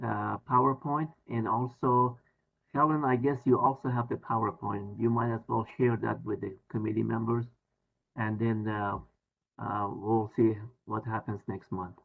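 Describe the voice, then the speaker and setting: A man's voice: fairly low pitch, steady tone, a little slow, gravelly. A man, a committee member, speaking informally in a meeting on a group conference call. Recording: dull, lo-fi conference call audio.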